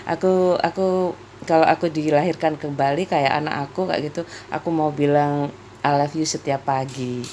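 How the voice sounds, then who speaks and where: A woman's voice: low voice, steady tone, moderate pace, mellow, slight background noise. A middle-aged woman, chatting casually in her vlog and laughing often. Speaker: vlogger. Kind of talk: casual chat.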